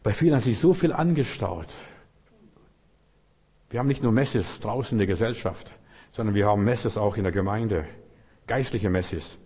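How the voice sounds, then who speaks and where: A man's voice: on the low side, lively intonation, moderate pace, pauses often, darkish tone, slightly rough. An older man preaching a sermon as a pastor, emphatic and repetitive, speaking straight to each listener. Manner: emphatic, repeats key phrases, addresses listener directly. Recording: long hall reverb.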